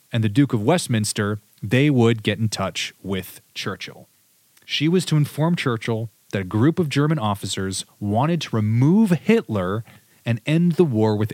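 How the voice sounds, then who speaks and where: A man's voice: fairly low pitch, no room sound. A man hosting a history podcast, chatting casually and reading out quotes from his sources. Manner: conversational, reads quotes from sources. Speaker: podcast host.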